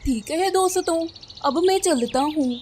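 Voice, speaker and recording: A woman voices a friendly male crow in a cartoon, a polite husband with an easy manner. The voice is high for a male figure. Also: a little slow, darkish tone, a little hiss or hum. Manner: polite, good-natured.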